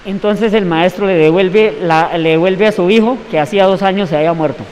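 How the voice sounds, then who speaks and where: A man's voice: high-pitched, brisk, darkish tone, in a large hall, slight background noise. A man telling a long story in an interview, rambling and restarting his words. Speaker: interviewee recounting events.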